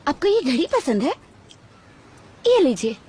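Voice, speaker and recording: A woman's voice: high voice, big pitch swings, measured pace, dark tone. A woman voicing a naive young female alien in a Hindi dub, speaking in formal, oddly literal phrases. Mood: earnest.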